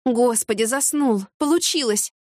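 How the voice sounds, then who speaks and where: A woman's voice: on the high side, lively intonation, quick pace, no room sound, studio quality, pitched above the performer's own voice, lightly acted. A woman reading an audiobook, voicing a fiery, impulsive young woman with heated, emphatic retorts. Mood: urgent.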